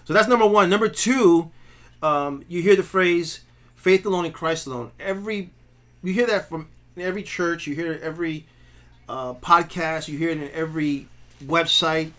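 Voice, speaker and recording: A man's voice: on the high side, normal speed, a bit bright. A pastor co-hosting a podcast talks through grace with a man's slightly raised voice. He is earnest and casual, often restarting sentences and affirming his partner. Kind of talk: casual theological discussion.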